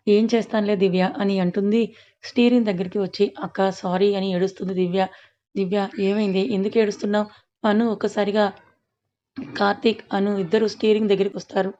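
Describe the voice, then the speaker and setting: Woman narrating a story, flat and mellow. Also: mid-range voice, dull audio. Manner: reads dialogue inside plain narration.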